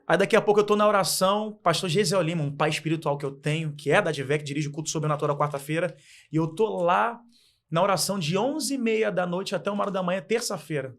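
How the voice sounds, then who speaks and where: A man's voice: high voice, fast, a bit bright. A young man from Brazil, telling an emotional faith testimony as a guest, earnest and heartfelt with much repetition.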